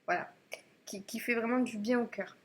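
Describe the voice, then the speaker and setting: A woman's voice: a little high, fairly even intonation, normal speed. A woman giving a casual tarot reading to camera, chatty and hesitant, with many fillers and restarts. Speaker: tarot reader.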